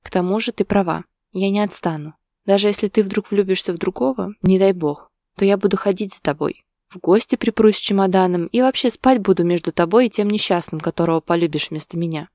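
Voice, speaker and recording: A woman's voice: mid-range voice, brisk, mellow, dry recording, lightly acted. Woman reading a stubborn young husband, jokey and insistent, storybook romance, dry sound. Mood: teasing.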